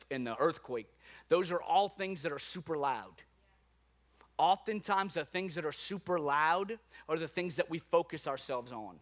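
A man's voice: fairly high pitch, a bit bright. A man from New Orleans preaching a sermon as a pastor, with rhetorical questions and repetition. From New Orleans, USA.

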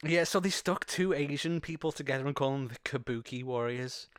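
A man's voice: mid-range voice, brisk, clear, resonant tone, dry recording, clean studio sound. A man co-hosting a podcast, chatting casually and rambling about a TV episode, laughing often and swearing now and then. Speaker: podcast co-host. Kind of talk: casual chat reviewing a TV episode.

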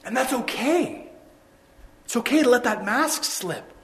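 A young man delivers a sermon in a chatty, earnest tone, often restarting phrases and tossing in asides. His voice sits on the high side for a man. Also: lively intonation, unhurried, fairly bright tone. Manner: conversational, earnest preaching with frequent restarts and asides. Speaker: pastor.

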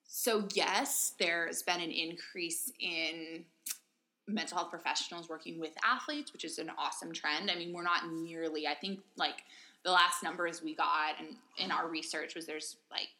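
Woman, co-host, low voice, bright edge, methodical explainer, casual academic chat. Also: steady tone, normal speed. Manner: explains methodically, tags points with "right?".

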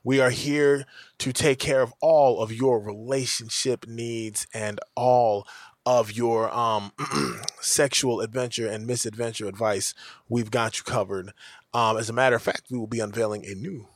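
A man's voice: medium pitch, fairly even intonation, a little slow, no echo, clean studio sound. A man hosting a podcast in a casual comedic way, swearing freely and repeating phrases for emphasis. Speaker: podcast host.

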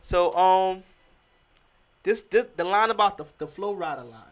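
A man with a voice that sits high talks a little slowly. As a co-host on a casual podcast, he's just chatting, offering emphatic opinions sprinkled with plenty of fillers.

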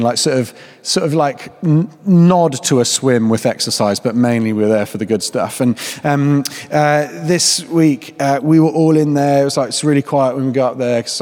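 A man's voice: mid-range voice, darkish tone. Casual man preaching in a big hall. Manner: casual, joking, many fillers. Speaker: Church of England vicar. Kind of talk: sermon.

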